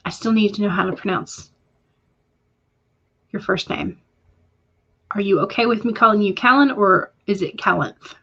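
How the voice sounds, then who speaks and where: A woman's voice: medium pitch, moderate pace, long pauses, sharp tone, husky, muffled recording. A woman hosting a casual writing livestream, chatting and reading viewer comments aloud with frequent ums and self-corrections. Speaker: writing stream host.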